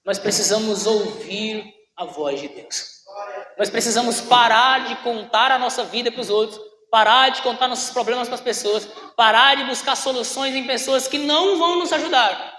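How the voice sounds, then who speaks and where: Pastor guy preaching, really high sharp voice, big echoey church. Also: fairly even intonation, moderate pace. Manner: preaching to the congregation, often calling out "brothers" and asking questions. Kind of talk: sermon. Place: church hall. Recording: echoey church hall with long reverb.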